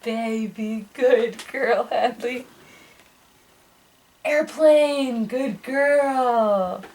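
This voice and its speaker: A woman's voice: fairly high pitch, drawn-out words, darkish tone, recorded from a distance, rough recording. A young woman at home, patiently quizzing her baby with pictures, repeating words, praising her and imitating animal sounds. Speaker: mother quizzing her toddler. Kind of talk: home video of a parent coaching a baby to name pictures.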